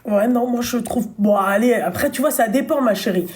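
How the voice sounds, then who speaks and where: A woman's voice: on the high side, normal speed, darkish tone. A woman hosting a live call, chatting casually and teasing her caller, often breaking into laughter. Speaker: live stream host.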